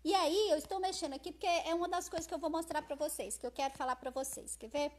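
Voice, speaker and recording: A Brazilian woman with a Brazilian accent, talking loudly and expressively to viewers on a phone live stream. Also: sits high, fast. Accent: Brazilian Portuguese. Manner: loud, forceful, expressive, chatty, reads out viewer comments. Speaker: social media live host. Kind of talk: casual live-stream talk.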